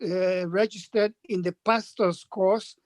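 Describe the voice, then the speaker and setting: A man's voice: high-pitched, steady tone, darkish tone, no room sound. Older man telling his story. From Dominican Republic, raised Haitian. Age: 80s. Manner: measured storytelling, acts out quoted speakers. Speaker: interview guest, publisher. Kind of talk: recounting his life in an interview.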